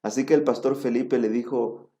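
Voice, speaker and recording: A man preaching a sermon, telling a story and often checking with his listeners with a quick "right?". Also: mid-range voice, fairly even intonation, warm tone.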